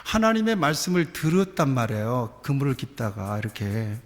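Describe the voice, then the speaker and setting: A man's voice: mid-range voice, big pitch swings, a little fast. Man preaching in a reverberant church hall. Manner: conversational preaching, mimics quoted prayers, rhetorical questions. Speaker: pastor. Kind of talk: sermon. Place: church sanctuary.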